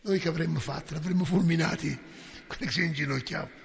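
A man preaching a sermon, impassioned and rhetorical, swinging between hushed asides and loud exclamations. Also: on the high side, fast talker, vocal fry, in a large hall. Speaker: priest.

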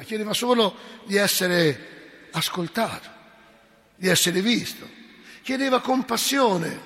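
A man's voice: high voice, pushed and bright, in a large hall. A male preacher telling a gospel story to his congregation, acting out the voices and asking them questions. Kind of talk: sermon. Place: church.

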